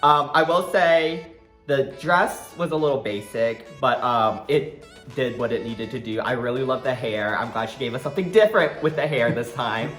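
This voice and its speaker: A man's voice: medium pitch, normal speed, fairly bright tone. Campy, sassy man in an echoey room. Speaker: co-host of drag show review. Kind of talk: casual chat, video review. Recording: roomy echo with music behind.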